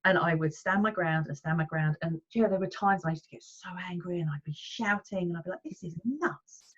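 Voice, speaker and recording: A woman's voice: quick pace, highs cut off. A woman, a parent coach chatting in an interview, often acting out voices of parents and kids. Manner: animated, acts out voices of parents and children with big pitch jumps. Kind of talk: casual interview chat.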